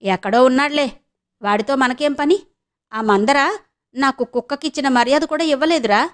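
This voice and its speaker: Woman voicing a spiteful shouting old mother-in-law. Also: sits high, normal speed, natural voice. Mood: bitter ranting. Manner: harsh, shouting, bitter.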